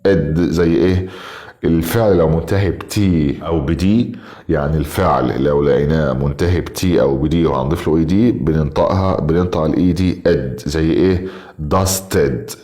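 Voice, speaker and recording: A young Egyptian man with an Egyptian Arabic accent teaching English pronunciation, slowly repeating each word several times to contrast sounds. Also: extremely low pitch, mellow. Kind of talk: recorded phonics lesson.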